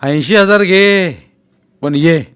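A man's voice: on the high side, lively intonation, measured pace. A man voicing a shrewd, persuasive male village politician who keeps pressing and teasing his friend in a read-aloud novel. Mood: coaxing, persuasive.

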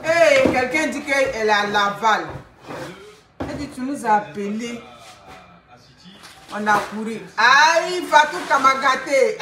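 A middle-aged woman talks straight to her livestream viewers, pleading and repeating herself in a slightly high voice. She sits some distance from the phone in an echoey room, with a faint hiss under her voice. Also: slow, long pauses. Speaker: livestream host recruiting workers. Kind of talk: casual livestream chat. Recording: echoey room, voice away from mic, faint noise.

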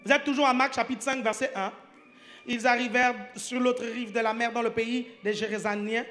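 A man's voice: very high voice, steady tone, normal speed, pushed and bright. A man preaching a sermon in church, joking a lot and often asking the congregation whether they follow him. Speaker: pastor.

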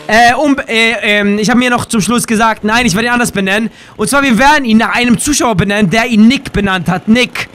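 A man giving excited commentary while playing a game, yelping and shouting at each miss and ranting with casual swearing. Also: extremely high pitch, slight background noise. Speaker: let's play host.

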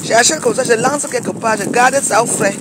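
A woman's voice: a little high, normal speed, background noise. Woman ranting at a rival, outdoors. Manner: combative, scolding with rhetorical questions. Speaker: social media commentator. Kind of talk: casual vlog rant. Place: outdoors, walking at a market.

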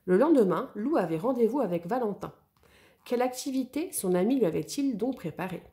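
A woman narrating a children's story in a lively, expressive way. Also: a little high, a little fast.

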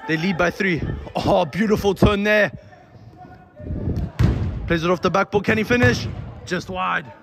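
A man commentating live on an amateur football match, excited and out of breath, with stock phrases. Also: high-pitched, unhurried, vocal fry, pauses often.

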